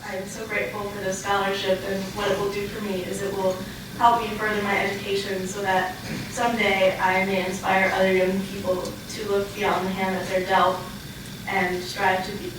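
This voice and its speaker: A young adult woman giving an earnest, prepared acceptance speech as an award recipient, halting with pauses as she goes. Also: medium pitch, level tone. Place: large echoey room, live event. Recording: echoey, noisy room, distant mic.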